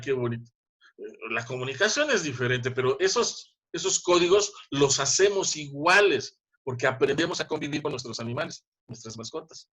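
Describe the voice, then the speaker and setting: Speaking in a mid-range voice that sounds pushed and bright, a middle-aged man with a Mexican Spanish accent lectures a university class via video call. He keeps it conversational yet emphatic, often tossing out rhetorical questions.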